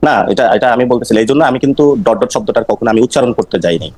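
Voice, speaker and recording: A politician from Noakhali, Bangladesh, appears as a talk show guest and defends his earlier remarks, answering rapidly and insistently and repeating himself as he explains. His medium-pitched voice is animated and a little mellow. The recording quality is low.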